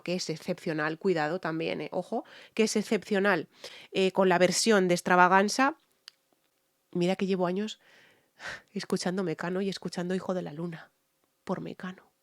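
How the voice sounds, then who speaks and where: A woman's voice: fairly low pitch, no room sound, studio quality. Enthusiastic woman. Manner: enthusiastic, repeats phrases for emphasis; hums and sings short phrases along with the song. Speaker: singer reacting to a music video. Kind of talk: casual reaction commentary on a singer's technique.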